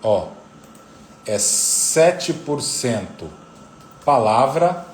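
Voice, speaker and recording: A man's voice: medium pitch, drawn-out words, a little hiss or hum. A man, a psychoanalyst, giving a live talk on parenting, teaching by repeating the key figures. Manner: didactic, repeats figures, lively intonation.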